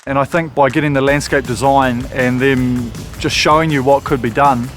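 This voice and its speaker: A man's voice: mid-range voice, steady tone, normal speed, faint music behind. A man with a New Zealand accent, talking informally and plainly as a homeowner on a renovation show. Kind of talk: casual chat to camera.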